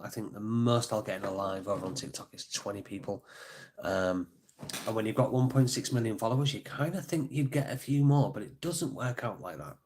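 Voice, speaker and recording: He's a middle-aged man with a darkish tone and a lowish pitch, hosting a laid-back live stream while congested and sniffly. Chatty and heavy on filler words, he thanks his viewers one by one by name.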